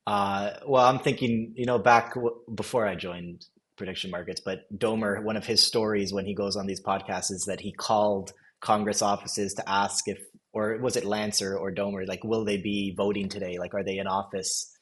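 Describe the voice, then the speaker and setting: A man with a lowish voice hosts a casual podcast discussion. He rambles, backtracks, and laughs at his own jokes as he talks things through. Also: level tone, moderate pace. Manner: rambling, laughs while mocking himself. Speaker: podcast host.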